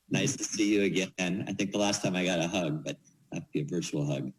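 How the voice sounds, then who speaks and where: Low voiced guy making informal ceremony remarks, kinda halting, restarts words. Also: poor audio. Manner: halting, repeating words as he goes. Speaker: official speaking at swearing-in ceremony.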